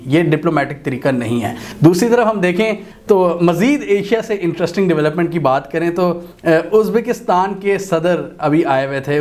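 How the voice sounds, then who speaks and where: A male commentator talks through current events unscripted, with a voice pitched somewhat high for a man. He speaks conversationally and shares his own opinions, often restarting his sentences as he goes. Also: a little mellow.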